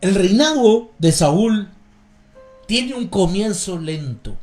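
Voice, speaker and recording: A man preaching a sermon in a Guatemalan Spanish accent, reading scripture and explaining it in a slow, measured way, often calling his listeners brothers. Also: sits high, expressive, a little mellow, reverberant, faint music behind.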